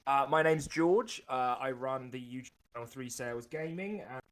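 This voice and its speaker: A man's voice: medium pitch, moderate pace. A man, a gaming creator from England, answering casually with many ums and restarts.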